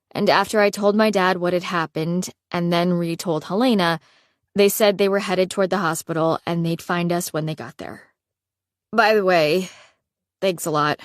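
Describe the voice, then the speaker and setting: A woman reading a first-person romance audiobook in a steady storytelling manner. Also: lowish voice, no room sound, studio quality. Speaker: audiobook narrator.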